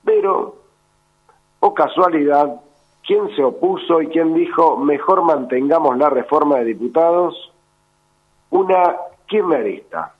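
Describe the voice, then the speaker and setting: A sick Argentine man with a hoarse, sepulchral voice, giving halting, deliberate political commentary in a live phone interview. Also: on the high side. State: sick with a virus. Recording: tinny phone line on radio.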